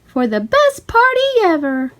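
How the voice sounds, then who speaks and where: Cheerful boyish cartoon mouse, played by a female reader: very high, eager, polite, lively swings, storybook style. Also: a little slow, exaggerated voice. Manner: bright-eyed, wondering, exclamatory.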